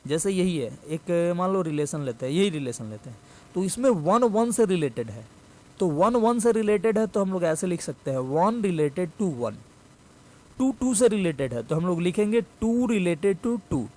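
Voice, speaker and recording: A man with a high-pitched voice teaches a maths lesson. He works through each step patiently, repeating key phrases slowly and posing questions that he answers himself. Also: darkish tone.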